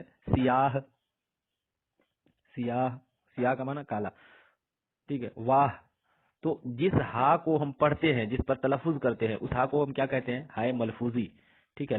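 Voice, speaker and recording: A man teaching a grammar lesson in a patient, repetitive way. He asks a question and answers it himself. His voice is husky and comes through a thin, phone-like recording. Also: medium pitch. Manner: asks questions and answers them himself, repeating words slowly. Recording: husky voice on tinny phone-like audio.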